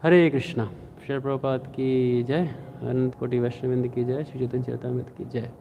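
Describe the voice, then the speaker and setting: A man's voice: normal speed, gravelly, a little hiss or hum. A man giving a devotional scripture class, telling stories and acting out the quotes with animation. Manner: animated, acts out quotes with rising pitch. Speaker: devotional lecturer. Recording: tinny phone-like sound.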